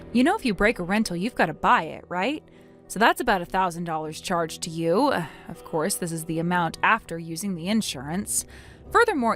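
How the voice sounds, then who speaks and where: A woman with a natural, medium-pitched voice performs a wronged bride in acted dialogue from a melodramatic story. She plays the character as stern and businesslike, scolding and explaining things firmly.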